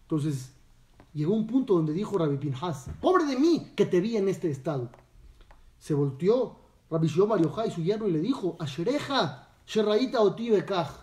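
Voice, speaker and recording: A rabbi teaches a Torah lesson, telling the tale and checking in with his listeners through questions. His voice sits high but mellow. He is heard from a distance in an echoey room. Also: big pitch swings, moderate pace. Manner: storytelling, asks listeners questions.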